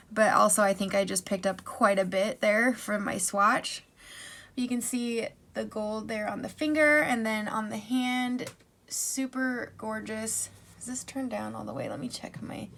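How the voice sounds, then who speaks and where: A woman's voice: fairly high pitch, a bit bright. A woman beauty vlogger giving a chatty makeup tutorial in a gushing, bubbly way with casual asides.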